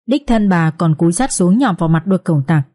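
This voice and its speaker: A woman's voice: lowish voice, fast. Young woman narrating a dramatic story. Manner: lively storytelling with colloquial idioms. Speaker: audiobook narrator.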